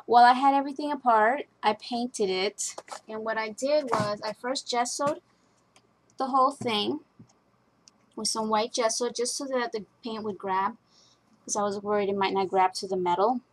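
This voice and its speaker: A woman's voice: medium pitch, fairly bright tone, slight background noise, rough recording. A woman talking casually at her craft desk, chatty and rambling with fillers as she walks through a project. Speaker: craft vlogger.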